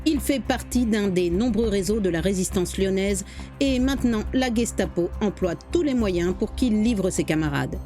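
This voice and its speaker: A woman telling a dramatic true story as scripted narration, with expressive delivery. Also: medium pitch.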